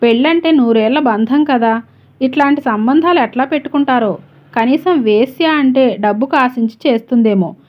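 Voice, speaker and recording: A woman's voice: high-pitched, normal speed, close to an everyday voice. A woman voicing an earnest, outspoken young working woman with a forthright way of talking. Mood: indignant. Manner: indignant, outspoken. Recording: dull lo-fi recording.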